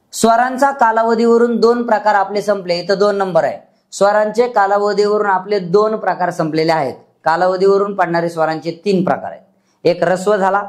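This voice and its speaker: A man teaching a classroom grammar lesson. He chants letter lists in rhythm and keeps drilling his students with questions. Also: high voice.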